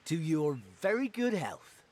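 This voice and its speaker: An actor playing a hard-drinking, fatalistic warrior comrade in a fantasy game, hearty and theatrical. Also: male voice, a little high, sing-song, a little slow, darkish tone. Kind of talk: fantasy video game voice acting.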